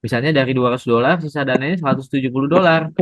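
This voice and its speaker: Seorang pria membawakan pelajaran trading daring secara langsung, sabar menjelaskan dan menyapa pendengar dengan "Bapak Ibu". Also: male voice, mid-range voice, very fast, fairly bright tone, dry recording, rough recording. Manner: patient, addresses audience as Bapak Ibu. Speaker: trading instructor. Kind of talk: live online trading lesson.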